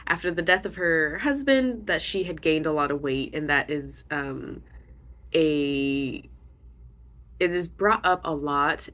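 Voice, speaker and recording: A young woman vlogger casually retelling a novel's plot, rambling with many fillers and acting out characters' lines in quick quotes. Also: lowish voice, a bit bright. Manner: rambling, lots of likes and ums. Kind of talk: casual book talk.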